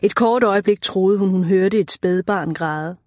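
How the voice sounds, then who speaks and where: A woman narrating an audiobook in a measured, even reading. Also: mid-range voice, dry recording, clean studio sound.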